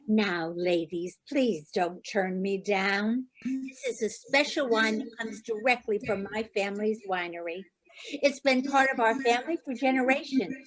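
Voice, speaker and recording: A woman's voice: medium pitch, unhurried, natural voice, rough recording. An actress playing a scheming, pushy mother who runs a restaurant and sweet-talks her guests in an amateur stage play. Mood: coaxing. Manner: sweet-talking, bossy. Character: scheming older woman innkeeper, pushy mother.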